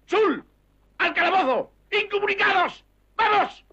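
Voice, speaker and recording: An actor playing an army sergeant in a dubbed western farce, barking shouted commands like a drill sergeant. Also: male voice, very high voice, expressive, unhurried, gravelly, heavily acted. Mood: furious barking. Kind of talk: dubbed western comedy film. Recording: dull lo-fi film audio, faint music.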